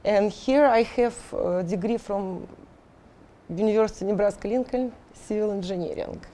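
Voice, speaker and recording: A middle-aged Russian woman with a Russian accent, an engineering instructor, answers interview questions haltingly. Her voice is medium-pitched and warm, and her speech is full of fillers and restarts.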